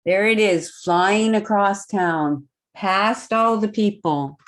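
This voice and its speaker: A woman with a medium-pitched voice leads a children's storytime, reading a picture book expressively and deliberately. She uses simple phrasing and pauses to ask the young listeners questions.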